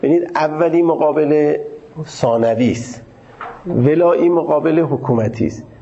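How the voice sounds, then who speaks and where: A man lecturing in a seminary class, with a gravelly, creaky voice. His delivery is formal and measured, and he stops often to search for his words. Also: fairly high pitch, warm tone, highs cut off, a little hiss or hum. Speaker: teacher of Islamic jurisprudence.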